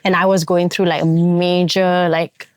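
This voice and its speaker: A woman's voice: on the low side, level tone, measured pace, dry recording. Reflective Singaporean woman, dry close sound. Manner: reflective, frequent fillers and restarts. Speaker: podcast co-host and theatre actress. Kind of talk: casual podcast chat.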